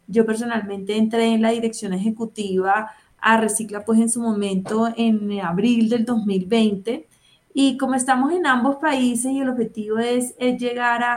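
A young woman with a Caribbean Colombian Spanish accent speaks in a fairly high voice. She is a guest answering questions in a radio interview. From Barranquilla, Caribbean coast of Colombia. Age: young adult. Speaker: interview guest, NGO director.

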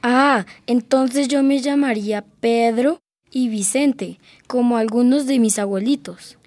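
A woman's voice: fairly high pitch, measured pace, darkish tone, no echo, clean studio sound, close to an everyday voice. A woman voicing a curious, cheerful young boy in an educational radio drama, asking eager questions. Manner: eager, inquisitive.

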